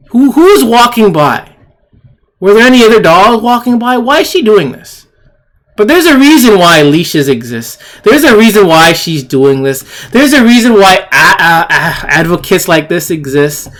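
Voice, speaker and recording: A video commentator delivers an indignant, opinionated rant over shared screen clips, emphatically repeating phrases and posing rhetorical questions. The voice is mid-range and a bit bright.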